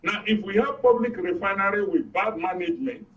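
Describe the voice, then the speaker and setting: A man with a Nigerian accent speaks as a guest commentator in a political discussion, his voice high and brisk. He gives his opinions emphatically, repeating points for effect. The studio audio sounds dull and distant.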